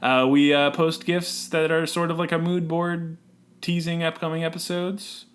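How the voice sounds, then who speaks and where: A man's voice: fairly high pitch, level tone, normal speed. A young man co-hosting a podcast, chatting casually and playfully with lots of fillers. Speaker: podcast co-host. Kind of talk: casual chat.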